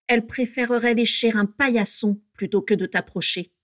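A woman's voice: on the high side, moderate pace, no echo, clean studio sound, lightly acted. A woman reading aloud voices a proud, defiant teenage boy who talks with cool mockery.

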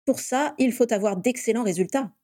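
A woman voicing a sensible teenage boy wizard, close to her own voice and calm throughout. He speaks in a measured, dry manner with a mellow tone. The recording is dry and close. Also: a little high, no echo, voice pushed up, close to an everyday voice.

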